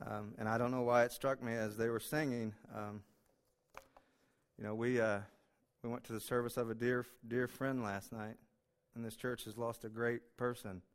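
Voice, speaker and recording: A man preaching from the pulpit of a church, speaking with a smooth, clear voice at an ordinary pitch. He is openly emotional, jokes about himself, and fills his talk with uh and um. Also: little pitch movement, moderate pace. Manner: emotional, self-deprecating, with many fillers. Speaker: pastor. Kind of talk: sermon. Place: church sanctuary.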